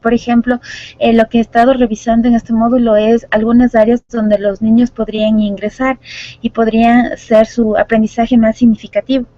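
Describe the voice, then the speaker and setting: A woman from Ecuador, a preschool teacher introducing herself in an online class in a measured way with some fillers. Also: a little high, flat delivery, warm tone, no room sound. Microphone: video call microphone. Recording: dry, dull lo-fi call audio.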